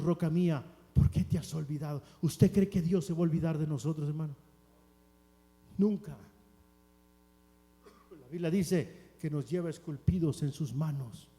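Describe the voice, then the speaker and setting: Impassioned high-voiced preacher in echoing church. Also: male voice. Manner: impassioned, rising to shouts, addresses listeners as brothers. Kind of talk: Pentecostal sermon. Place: church sanctuary. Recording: long church hall reverb.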